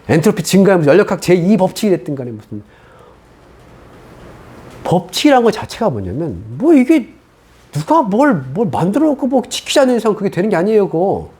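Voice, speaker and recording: A middle-aged man preaching a sermon as pastor, telling his own story in an animated way and acting out what he once said. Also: high-pitched, a little fast, slightly rough. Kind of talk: sermon testimony.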